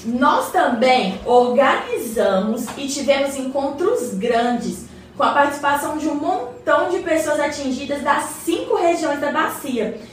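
A Brazilian woman with a high-sitting voice speaks a bit slowly and animatedly, playing a neighbour who patiently explains things and offers encouragement. The radio drama dialogue is colloquial, and she addresses her neighbour with respect. Roomy echo, faint noise, and a distant mic mark the recording.

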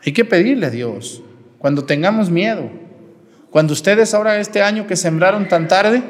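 A man's voice: high-pitched, lively intonation, normal speed, long reverb tail. A man with a Mexican Spanish accent, a parish priest giving a sermon and putting questions to the congregation in a conversational way. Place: church.

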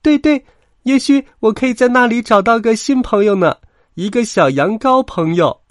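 Brief: squeaky, excitable little lamb in a bedtime story. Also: male voice, moderate pace, no echo, clean studio sound. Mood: overjoyed. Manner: bleating, high and whiny.

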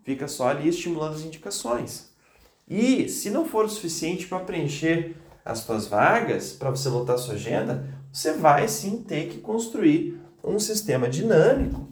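A man with a fairly high, animated voice speaks at normal speed, the sound roomy around him. He hosts a motivational podcast for teachers, insisting on his points and repeating phrases to stress them. He's slightly congested with a cold and lets out occasional coughs.

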